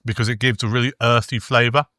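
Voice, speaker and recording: A man's voice: medium pitch, flat delivery, fast talker, pushed and bright, no echo, studio quality. A man co-hosting a podcast, chatting easily about food, sometimes while eating. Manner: easygoing, chats while eating. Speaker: podcast co-host. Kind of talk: casual food review chat.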